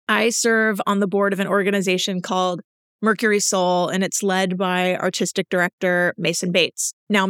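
A woman's voice: mid-range voice, dry recording, clean studio sound. A woman hosting a podcast, chatting casually and enthusiastically about an event she went to. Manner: enthusiastic, self-described nerd. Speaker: podcast host.

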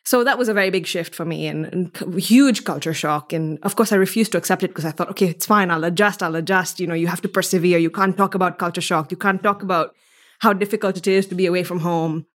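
Quick-paced and lowish, this young woman's voice belongs to a theatre artist from Mombasa, Kenya. She's a podcast guest, recounting personal stories with articulate reflection during a conversational interview.

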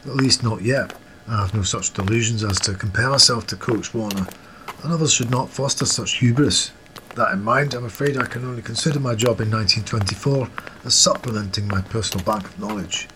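In a period audio drama, a male actor plays a genteel Scottish football coach who is proud yet modest, speaking with formal, old-fashioned courtesy. His mid-range voice sounds natural against a noisy background.

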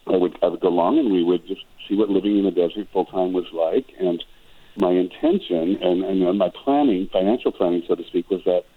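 Heard through a thin, phone-like line, a very low-voiced older Wisconsin man, a musician and choral director, chats as a radio guest. He talks fairly quickly with a breathy edge, musing and meandering and frequently starting his sentences over.

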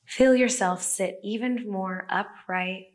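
Slow, soothing woman guiding a meditation. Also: mid-range voice. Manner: slow, soft and soothing, with long pauses. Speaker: meditation guide. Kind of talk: guided body-scan meditation. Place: a room with the listeners present.

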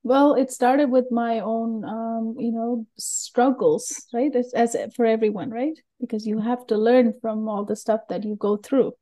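A woman's voice: on the high side, fairly even intonation, measured pace, hardly any pauses, dark tone. A middle-aged woman from Sri Lanka, a guest telling her story openly and earnestly in loose rambling phrases. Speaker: guest, learning method creator. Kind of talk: candid personal interview.

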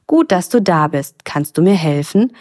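A woman's voice: on the low side, lively intonation, normal speed, darkish tone. A woman voicing a grumpy, impatient male spiny lobster who grumbles and sulks. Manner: grumbling, sulky.

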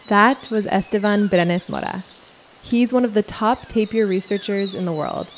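A woman's voice: mid-range voice, normal speed, background noise. A woman hosting a podcast, reading scripted narration and asking interview questions in a friendly way. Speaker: podcast host.

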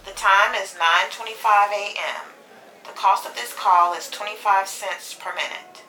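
A woman voicing an automated collect-call operator, heard over a prison payphone line with a flat, scripted delivery. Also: mid-range voice, normal speed, roomy sound, a little hiss or hum, poor audio. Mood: announcing.

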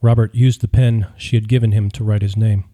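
Male narrator for a true-crime read, very mellow dark tone, steady delivery. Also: fairly low pitch, brisk. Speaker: audiobook narrator. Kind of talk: scripted narration.

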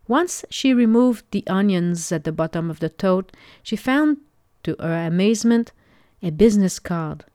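A woman's voice: medium pitch, warm tone, no echo, clean studio sound. A woman narrating a novel as an audiobook, reading expressively and unhurriedly.

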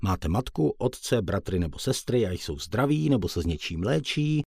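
A man's voice: on the low side, big pitch swings, creaky, a little mellow, breathy edge, no room sound, studio quality, exaggerated voice. A man doing a formal, questioning hospital doctor. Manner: questioning, polite.

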